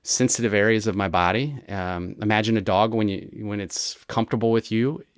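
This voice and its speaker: Animated retired agent, lowish voice. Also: male voice, a little fast, clean tone, no echo, studio quality. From United States. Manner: animated storyteller, explains with examples and rhetorical "right?". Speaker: retired federal agent, interview guest. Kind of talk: conversational explanation.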